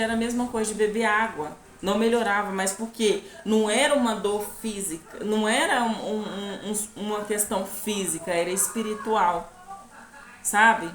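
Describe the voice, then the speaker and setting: A woman with a Brazilian Portuguese accent telling her own life story in a halting, earnest way, often checking that the listener follows. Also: mid-range voice, roomy sound. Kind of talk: personal testimony to camera.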